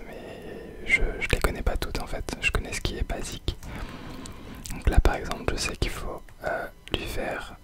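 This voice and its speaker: Man, soft whisper, close up right in the ear, ASMR gaming commentary. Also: very high-pitched. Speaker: host of an ASMR gaming video.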